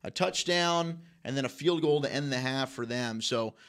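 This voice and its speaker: A man giving emphatic, opinionated high school football analysis in a studio. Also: moderate pace, fairly bright tone, clean tone. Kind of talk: sports analysis.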